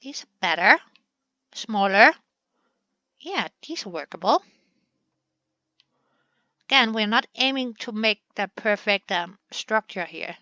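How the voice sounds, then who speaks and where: A woman's voice: mid-range voice, lively intonation, takes it slowly, long pauses, pushed and bright, no echo, highs cut off. A woman hosting a gaming channel, chatting through a building session in a playful way and talking to the game pieces as she works.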